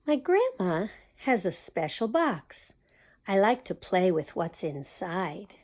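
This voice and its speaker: A woman's voice: mid-range voice, big pitch swings, slow pace, a little mellow. A woman reading a children's picture book aloud as a storytime host, expressively and with small asides to young listeners. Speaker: storytime reader at a community library.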